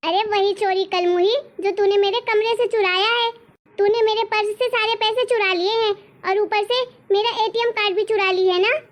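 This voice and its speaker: In a cartoon story, a woman voices a harsh mother-in-law who hurls insults. She scolds in a shrill, insulting manner, keeping her intonation fairly even and her pace moderate.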